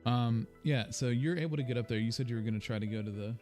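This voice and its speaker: A man's voice: medium pitch, fast talker, darkish tone. A man narrating casually as game master of a tabletop role-playing game. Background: faint music.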